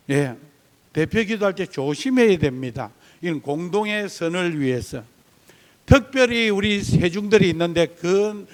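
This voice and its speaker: A pastor with a Gyeongsang Korean accent, preaching a lively Sunday sermon in a church sanctuary and putting questions to the congregation. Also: male voice, high-pitched. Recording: long church hall reverb.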